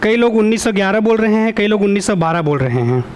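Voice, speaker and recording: Guy teacher doing an online exam prep class, kinda high voice, keeps asking the class stuff and saying okay, fixes his own slips. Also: expressive, a little mellow, a little hiss or hum. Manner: quizzing, keeps asking students for answers; often fills pauses with a checking "okay".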